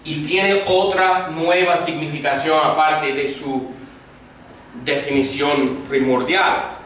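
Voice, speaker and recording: Slow, patient male Greek teacher in an echoey room. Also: fairly high pitch, steady tone, a bit bright. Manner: slow, patient drilling with repeat-after-me prompts. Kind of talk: classroom grammar lesson. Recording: echoey room, mic far off, faint noise.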